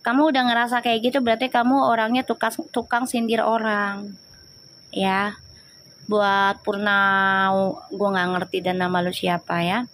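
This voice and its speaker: A woman's voice: mid-range voice, little pitch movement, unhurried, a bit bright, slight background noise. Chatty tarot reader woman. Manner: chatty, scolds commenters, switches to slangy banter. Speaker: tarot reader on a live stream. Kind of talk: live-stream tarot reading and chat replies.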